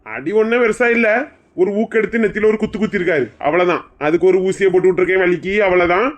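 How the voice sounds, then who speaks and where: A man playing a blunt, brisk village doctor. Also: high voice, natural voice. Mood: offhand. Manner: blunt, practical, a little impatient. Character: brisk matter-of-fact male hospital doctor. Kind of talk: comedy skit acting.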